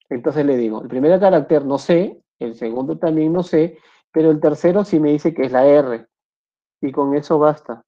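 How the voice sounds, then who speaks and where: A man with a Peruvian Spanish accent gives a screen-recorded Excel tutorial, repeating points often and checking in with "correcto." His voice is a little high and mellow, captured on a dull lo-fi mic.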